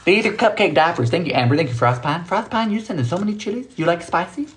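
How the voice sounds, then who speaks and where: A man's voice: sits high, animated, fast talker. A man hosting a live baking stream from his kitchen, chatting casually with viewers, playful and joking, laughing often. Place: home kitchen.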